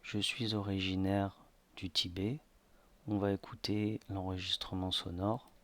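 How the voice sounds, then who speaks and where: A man narrating a slideshow language lesson slowly, with many hesitations. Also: low-pitched, little pitch movement, a bit bright, dry recording. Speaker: language teacher.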